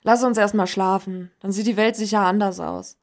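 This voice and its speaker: A woman reading the lines of a tired, gentle young man, close to her own voice. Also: medium pitch, fairly even intonation, moderate pace, natural voice. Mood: calm.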